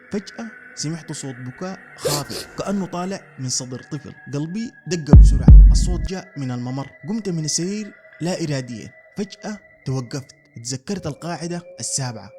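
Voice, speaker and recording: Fast-talking man telling horror. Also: on the high side, dark tone. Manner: dramatic first-person storytelling. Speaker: narrator. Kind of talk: scripted horror story narration.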